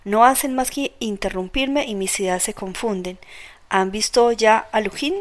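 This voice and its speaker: A woman's voice: mid-range voice, normal speed, close to an everyday voice. Woman narrator voicing an irritable young man, feverish, curt, insistent, storybook reading.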